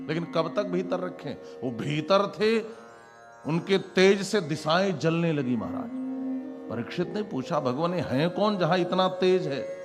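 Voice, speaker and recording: A man with a fairly high voice preaches through a devotional story, acting out its characters with dramatic, exclamatory delivery. His voice rings with a long hall reverb. Instrumental music plays clearly behind him. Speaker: Bhagavat katha preacher.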